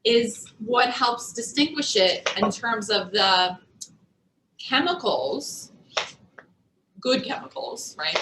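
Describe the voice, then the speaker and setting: A woman nutrition coach talks through a cooking demo in a chatty way, often laughing and saying "like." Her pitch sits at a medium height. The sound echoes around the room. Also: noisy background. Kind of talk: casual cooking demo chat.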